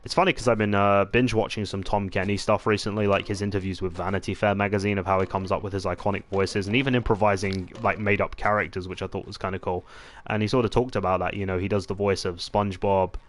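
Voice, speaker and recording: A man chatting casually as he commentates his gameplay, rambling with many pauses and restarts. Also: on the low side, steady tone, a little hiss or hum. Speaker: gaming channel host. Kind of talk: let's-play gameplay commentary.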